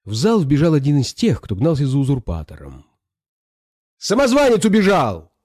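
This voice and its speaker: A man narrating an audiobook in an expressive, dramatic manner. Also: mid-range voice, a little fast, dry recording, studio quality.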